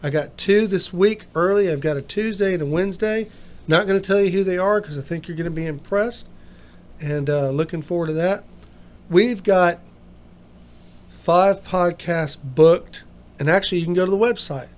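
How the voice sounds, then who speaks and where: A man's voice: high-pitched, normal speed. A man hosting a casual podcast, talking in a folksy, upbeat way. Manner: folksy, upbeat sign-off talk. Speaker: podcast host.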